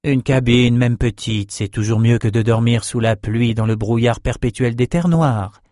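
A man reading an audiobook voices a calm, reassuring sorceress. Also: mid-range voice, moderate pace, dry recording, clean studio sound, lightly acted. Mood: gentle. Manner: gentle, reassuring. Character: calm sorceress woman, gently optimistic.

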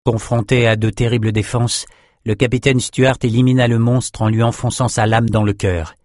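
A man reading a fantasy audiobook in a steady, measured storytelling voice. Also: mid-range voice, no echo, studio quality. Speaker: audiobook narrator. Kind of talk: scripted narration.

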